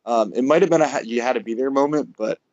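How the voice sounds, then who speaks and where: A man who is a coach, a guest on a podcast, telling stories in casual conversation with lively delivery and frequent laughter. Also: mid-range voice, quick pace, highs cut off. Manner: animated, laughs often, acts out voices in anecdotes. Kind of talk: casual interview storytelling.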